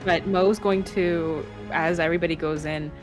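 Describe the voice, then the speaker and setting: A woman playing a tabletop game, talking hesitantly with many pauses and fillers. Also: lowish voice, fairly even intonation. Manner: hesitant, many ums, trails off. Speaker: player. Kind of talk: casual chat while playing a tabletop game. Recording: music playing behind.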